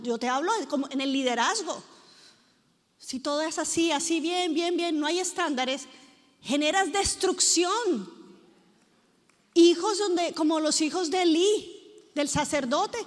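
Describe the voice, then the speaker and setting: A woman pastor preaching at a conference, telling stories with lively, acted-out quotes. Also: high-pitched. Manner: lively storytelling, acting out quoted people. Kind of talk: sermon. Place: conference hall before a live audience. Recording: echoey conference hall.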